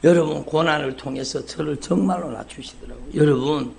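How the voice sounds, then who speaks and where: A man's voice: on the high side, brisk, gravelly, noisy background. A male pastor preaching a sermon in a church, fervent and repetitive, calling out to the congregation again and again. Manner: fervent preaching, repeats "여러분" and "정말로". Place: church sanctuary. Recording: live church service stream.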